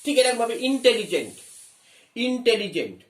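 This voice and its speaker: A man's voice: high voice, huge pitch swings, echoey room. A man teaching an English grammar lesson, explaining step by step, asking questions and spelling words letter by letter. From West Bengal. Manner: reads English phrases slowly.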